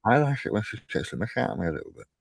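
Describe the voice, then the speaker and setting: A man's voice: on the low side, sing-song, racing, creaky, slightly rough, no echo, clean studio sound. A man chatting casually as an interview guest, self-deprecating and often repeating words as he goes. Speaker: podcast guest, cancer survivor.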